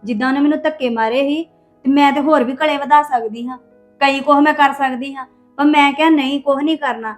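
A woman's voice: sits high, fairly even intonation, a little fast, soft background music, lightly acted. A young woman playing a hurt, defensive wife who complains and pleads in a family drama. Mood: upset. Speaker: actor in a family web drama. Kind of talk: acted family drama dialogue.

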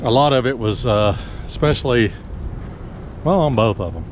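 Holding an action camera out at arm's length, a middle-aged lawn care worker walks a hotel parking lot and nearby slopes, chatting casually and haltingly. His mid-range voice has lively intonation, and passing traffic makes the recording noisy.

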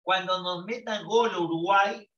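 This lecture to students comes from an older Peruvian man who teaches psychology by raising questions and supplying the answers himself. He speaks at a measured pace in a high-pitched, fairly bright voice, captured on an echoey, distant, dull lo-fi recording.

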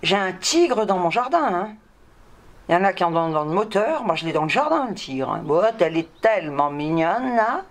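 A woman's voice: lowish voice, very animated, normal speed. French lady vlogging, fussing and cooing at her cats, chatty, says hein a lot. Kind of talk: casual vlog talking to her pets.

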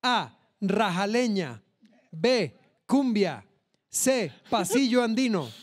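A man's voice: sits high, sing-song, takes it slowly. A man with a Colombian accent hosting a TV game show, reading quiz questions and teasing the contestants.

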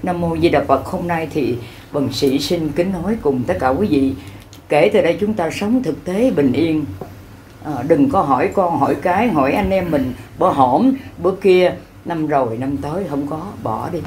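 A woman's voice: low-pitched, moderate pace, darkish tone, a little hiss or hum. A woman giving an improvised, folksy Buddhist sermon, rambling and colloquial, acting out little dialogues. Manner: rambling, colloquial, with acted-out dialogues and frequent fillers. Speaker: lay Buddhist preacher.

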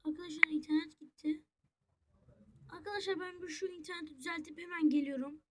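A gaming YouTuber giving casual gameplay commentary, chatty and excitable, constantly talking straight to the viewers as friends. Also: very high-pitched, a little fast, crowd noise. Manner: excitable, reacting out loud to the match.

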